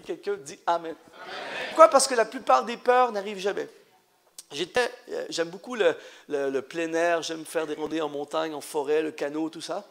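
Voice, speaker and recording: High-voiced passionate preacher. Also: male voice. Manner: passionate, shouts for emphasis, jokes with the crowd. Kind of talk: live church sermon.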